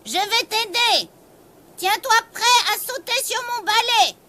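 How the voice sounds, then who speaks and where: A woman's voice: extremely high pitch, slow pace, bright, forceful tone, pitched above the performer's own voice, full character voice. A woman voicing a cunning, vengeful female witch with a commanding, sing-song voice in a storybook reading. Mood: coaxing.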